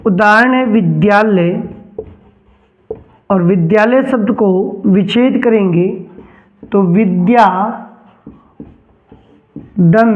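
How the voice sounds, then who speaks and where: A man's voice: high voice, narrow, tinny audio. A man teaching a grammar lesson, repeating each term and asking and answering his own questions.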